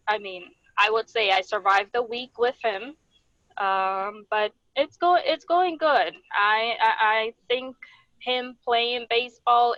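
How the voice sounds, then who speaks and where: A woman's voice: medium pitch, a bit bright, no room sound. Woman on a car speakerphone, muffled dry phone line, chatty and open. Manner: chatty, open and grateful, with small laughs and restarts. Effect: speaking over a phone from a moving car. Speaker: webinar participant. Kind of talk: casual chat. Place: in a car, driving.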